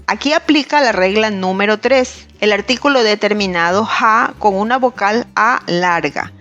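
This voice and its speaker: A woman teaching a grammar lesson in a careful, scripted way, pausing to spell out each example. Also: a little high, fairly bright tone, highs cut off. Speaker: language teacher.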